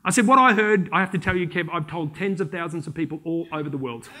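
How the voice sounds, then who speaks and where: High, bright Australian man telling stories. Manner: animated, joking, slips into quick voices for people in his stories. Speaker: conference keynote speaker. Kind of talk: comic storytelling talk to an audience.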